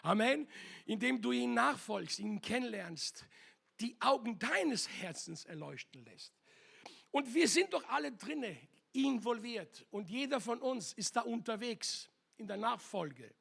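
Guest pastor, man, high gravelly voice, slow emphatic preaching. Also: expressive, fairly bright tone. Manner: passionate, emphatic preaching with repetitions. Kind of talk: sermon. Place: church hall.

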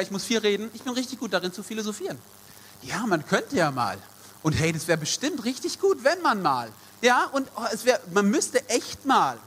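A man's voice: high-pitched, a bit bright, in a large hall, slight background noise. A man preaching a sermon in German, emphatic and addressing the congregation directly, repeating his key phrases. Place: church service.

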